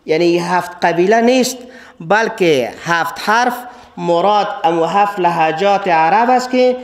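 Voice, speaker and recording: High-voiced Afghan Dari lecturer. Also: male voice. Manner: repeats key words, stresses phrases by rising; slow, deliberate listing. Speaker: religious teacher. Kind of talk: classroom Quran lecture.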